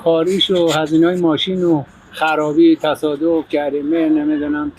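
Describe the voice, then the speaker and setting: A man's voice: a little high, flat delivery, a little mellow. A man working as a taxi driver, chatting casually and complaining as he answers an interviewer. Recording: noisy vehicle and street ambience.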